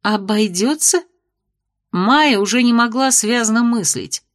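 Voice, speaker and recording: A woman's voice: medium pitch, normal speed, fairly bright tone. Woman narrating a fairy-tale audiobook. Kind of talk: scripted narration.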